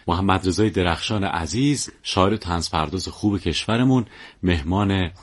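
A man with a very low, husky voice hosts a relaxed podcast conversation. He chats easily with his guest and slips into jokes, acting out the little quotes inside them. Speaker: podcast host. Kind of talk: conversational interview.

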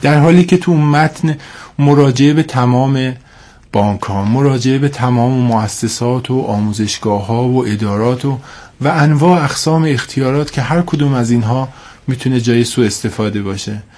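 This man has a mid-range, somewhat mellow voice, thickened by a cold and a congested nose. Interviewed on radio as an expert, he is formal and hesitant and keeps repeating points for emphasis.

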